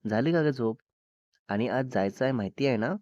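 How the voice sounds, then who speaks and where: A man voicing a gentle young father who calmly reassures and explains things to his little daughter. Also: mid-range voice, normal speed, no echo, dull audio, close to an everyday voice. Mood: joking.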